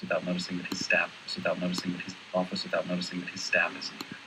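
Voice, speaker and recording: A man's voice: low voice, monotone, fast talker, background noise, natural voice. A man speaking acted English TV dialogue in a replayed clip.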